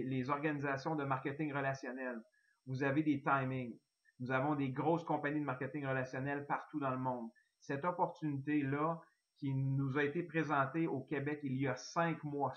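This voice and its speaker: A network marketing presenter with a Québécois French accent delivers an eager, excitable sales pitch on a recorded online call. His speech is full of fillers and restarts, and the audio sounds dull.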